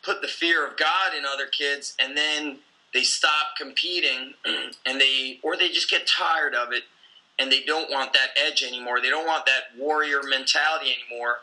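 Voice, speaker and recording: Bright-toned, intense man coaching talk. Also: medium pitch, steady tone, moderate pace, poor audio. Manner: intense, blunt, swears freely. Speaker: gym owner and coach. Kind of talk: casual podcast conversation.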